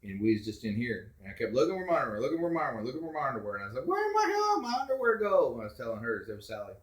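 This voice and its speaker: A middle-aged man, a father telling family ghost stories in a casual, animated way, acting out quotes loudly. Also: lowish voice, rapid-fire, echoey room. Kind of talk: casual storytelling.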